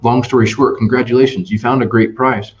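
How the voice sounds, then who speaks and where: A man, an RV salesman appearing as a guest on a webinar, tells customer stories and makes his sales pitch in an animated, emphatic way with many restarts. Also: brisk. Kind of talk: storytelling sales talk. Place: Ohio dealership office. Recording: dull lo-fi webinar audio.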